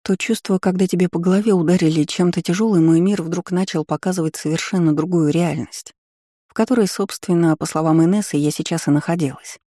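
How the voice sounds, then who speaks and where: A woman's voice: on the low side, steady tone, fairly quick, mellow, no room sound, clean studio sound. A woman narrating an audiobook in the first person, in a wry, blunt storytelling manner. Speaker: audiobook reader.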